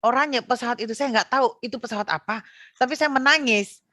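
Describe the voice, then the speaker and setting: A woman's voice: fairly high pitch, fast talker, pushed and bright, no room sound, clean studio sound. A middle-aged woman from Indonesia casually recounting a personal experience, with frequent fillers and self-corrections. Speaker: guest sharing personal testimony. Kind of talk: casual spoken testimony.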